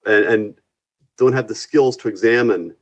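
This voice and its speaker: This guest instructor, who teaches physics and astronomy at a university, talks at a moderate pace in a voice on the low side, with the high frequencies cut off. Earnest in this conversational interview, he often acts out small quotes as he explains things.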